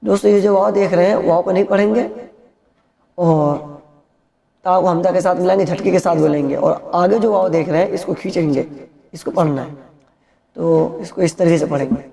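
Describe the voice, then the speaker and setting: A man with an Indian Hindi-Urdu accent teaching Quran reading, chanting verses in a slow, drawn-out melody and explaining pronunciation quickly in between. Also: high voice, creaky, warm tone. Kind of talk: Quran recitation lesson. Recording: roomy echo.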